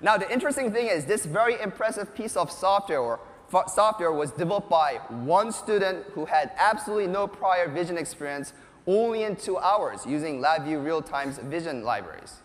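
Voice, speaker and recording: Speaking at normal speed in a high voice, a man in his thirties gives a live keynote tech demo on a large indoor conference stage. The robotics researcher presents like an enthusiastic, animated showman; his lapel mic picks up an echoey hall with long reverb.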